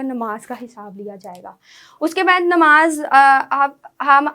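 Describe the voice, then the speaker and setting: A woman's voice: sits high, fairly bright tone. A woman teacher, giving an online lecture to schoolchildren, explaining step by step and often checking with "right?".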